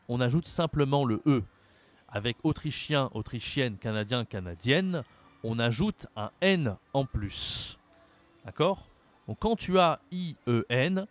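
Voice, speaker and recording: A man from France teaching a French lesson, slowly over-articulating example words and speaking directly to the learner. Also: medium pitch.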